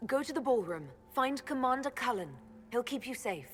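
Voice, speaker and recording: A woman's voice: sits high, animated, moderate pace, fairly bright tone, faint music behind. A woman playing a composed, authoritative female inquisitor in a video game, questioning and commanding, with long reverb on the voice. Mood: composed, firm. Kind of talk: video game dialogue acting.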